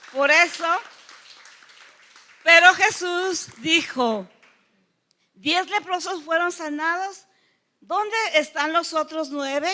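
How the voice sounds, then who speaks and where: A woman from Mexico preaching a sermon to a church, often asking the congregation rhetorical questions. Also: high voice. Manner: acts out the lepers' cries loudly.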